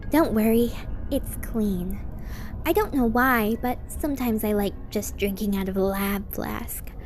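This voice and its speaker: A woman's voice: medium pitch, a little slow, darkish tone, slight background noise, lightly acted. A woman voicing a cheerful, eerily friendly young female unicorn scientist in a story, chirpy and proud. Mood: breezy.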